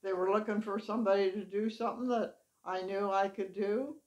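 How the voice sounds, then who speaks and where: A woman's voice: mid-range voice, fairly even intonation, brisk, muffled recording. An elderly woman recalling her lifelong church involvement in a plain, matter-of-fact way, seated at home. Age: older. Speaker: interviewee, longtime church member. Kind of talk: reminiscing interview. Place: living room, seated in armchair. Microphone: lavalier mic.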